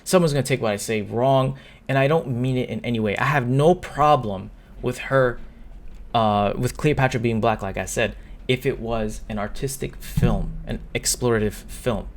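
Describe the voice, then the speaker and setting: A young male YouTuber speaks to camera in an opinion vlog, upset and earnest. His voice is mid-range and his pace moderate, and he often trips over his words and restarts.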